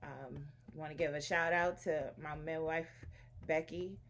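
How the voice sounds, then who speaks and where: Lady vlogging from home, low voice, rambly and chatty, bouncing a baby while she talks. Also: steady tone, unhurried, gravelly, slight background noise. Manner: chatty and rambling, with frequent restarts. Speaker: vlogger sharing her birth story. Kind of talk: casual chat to camera.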